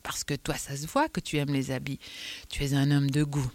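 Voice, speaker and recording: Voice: normal speed, no room sound, close to an everyday voice. A reader voicing a proud, stubborn old male tailor who is down on his luck, in an audiobook. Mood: coaxing. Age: older. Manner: chatty, stubborn, lively pitch jumps. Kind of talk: audiobook reading.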